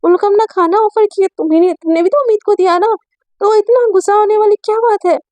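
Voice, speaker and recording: A woman's voice: high-pitched, brisk, dark tone, dry recording, lightly acted. A woman voicing a caring young woman who pleads and asks protective questions. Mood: puzzled, pleading.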